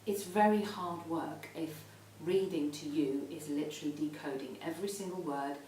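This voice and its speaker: A woman's voice: moderate pace, dark tone. A middle-aged woman gives an explanatory talk to parents in an instructive way, stressing key points. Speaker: reading educator advising parents. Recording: roomy echo, distant mic, faint rumbling noise.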